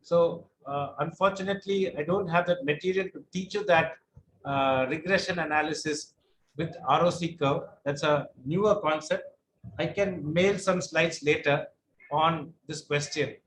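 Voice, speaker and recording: A middle-aged man with a slightly high voice lectures online at a measured pace, droning on as he patiently answers questions and walks through each step, repeating himself now and then. The audio is poor, with a crowd audible behind him.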